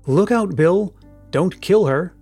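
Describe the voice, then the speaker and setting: A man voicing a hoarse male ruffian, an accomplice in a kidnapping, in a storybook reading. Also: sits high, expressive, slow pace, darkish tone, soft background music, exaggerated voice. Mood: urgent.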